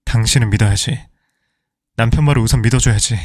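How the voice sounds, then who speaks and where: A man's voice: medium pitch, fast, no room sound, clean studio sound, natural voice. A man playing an evasive middle-aged husband who pleads and placates his angry wife. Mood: placating.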